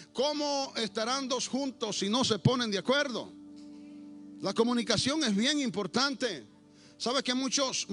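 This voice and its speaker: The pastor's Pentecostal preaching to his church moves from booming declarations to soft, low remarks, all laced with a playful sense of teasing.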